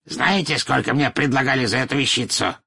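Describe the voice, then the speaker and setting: A man voicing a furious, boastful old pure-blood wizard, ranting in a raspy, shrill voice. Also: a little fast, pushed and bright, exaggerated voice. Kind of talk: audiobook character reading.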